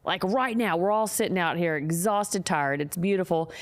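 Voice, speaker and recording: A woman hosting a podcast, telling stories in an earnest, animated way and jumping higher when she quotes people. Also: normal speed. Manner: earnest, faith-centered. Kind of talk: casual storytelling chat.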